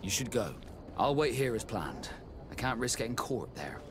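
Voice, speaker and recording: A man's voice: mid-range voice, big pitch swings, moderate pace, close to an everyday voice. Game captain role, male actor: earnest, guarded sailor, very varied intonation, noisy ambient backdrop. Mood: hushed, cautious. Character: naval captain, Vasco, earnest man seeking his origins. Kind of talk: video game cutscene acting.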